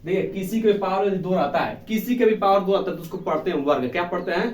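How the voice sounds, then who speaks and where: Guy teaching kids math, high voice, keeps asking and answering himself, kinda far from the mic. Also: quick pace, slight background noise. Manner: keeps asking questions and answering them himself, repeating key words; calls pupils "babu", affectionate. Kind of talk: classroom lesson. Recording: echoey room, voice from off the mic.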